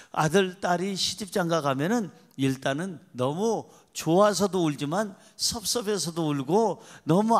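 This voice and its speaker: A man preaching a sermon as pastor, emphatic and repetitive, calling on the congregation to respond. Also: on the high side.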